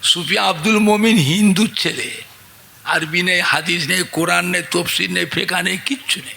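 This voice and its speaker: A male preacher giving a sermon, acting out the voices of the people in his stories and swinging between hushed lines and shouts. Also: high voice, fairly even intonation, moderate pace, vocal fry, slight background noise. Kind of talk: Bengali Islamic sermon with acted stories.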